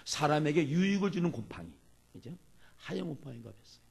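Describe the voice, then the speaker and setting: A man preaching a sermon as a pastor, animated and acting out the people he quotes. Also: on the high side, brisk, vocal fry, breathy edge. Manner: animated, acts out quoted speech.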